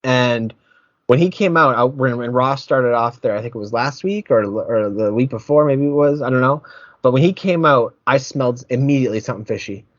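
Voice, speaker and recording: A man's voice: mid-range voice, brisk, no room sound, muffled recording. A man hosting a casual wrestling podcast, rambling, repeating his words and getting heated. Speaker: podcast host.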